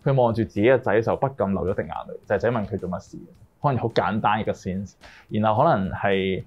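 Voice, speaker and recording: In a muffled recording from a small indoor room, a man wearing a face mask discusses directing music videos as part of a group interview. He has a Hong Kong accent, slips English words into his speech, and talks at a quick pace with a fairly low pitch.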